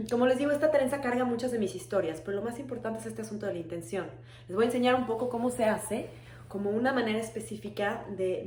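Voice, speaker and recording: A woman's voice: lowish voice, darkish tone, reverberant, slight background noise. A young adult woman from Mexico with a Mexican accent, giving a reflective personal talk with hesitant restarts. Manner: thoughtful, frequent hesitant restarts. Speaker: webinar speaker.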